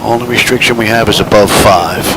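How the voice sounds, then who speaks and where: A man's voice: on the low side, fairly quick. A man giving casual flight simulator commentary, mixed with pilot radio phraseology and procedural callouts. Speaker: flight simulator streamer playing airline pilot. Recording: loud cockpit and engine noise. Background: simulated airliner cockpit drone.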